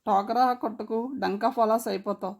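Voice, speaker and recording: A woman's voice: fairly high pitch, fairly even intonation, moderate pace, creaky, a little mellow. A woman reading a story and voicing a brash, cheeky young man who talks with swagger. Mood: cocky.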